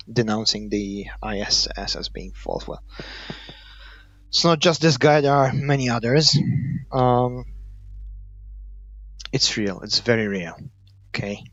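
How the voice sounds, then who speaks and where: Searching for words and trailing off, a Maltese-accented man from Malta thinks aloud hesitantly while commenting on his gameplay unscripted for his gaming videos. There's a creaky, gravelly quality to his slightly bright voice. Light music sits behind a dull, muffled, low-fi recording that has no echo.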